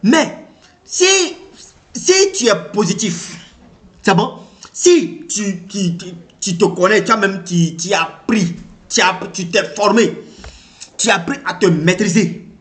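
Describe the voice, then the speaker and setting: A man with an African French accent giving an animated motivational talk, repeating himself and firing rhetorical questions at the listener. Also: high voice, slow pace. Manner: animated, repetitive, rhetorical questions, acts out reactions. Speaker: motivational speaker.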